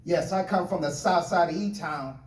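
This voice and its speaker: A man's voice: a little high, normal speed. A middle-aged man from Ohio delivering a spoken word speech with a repeating, rhythmic refrain. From Ohio, USA. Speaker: speaker. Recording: echoey room, voice from far off.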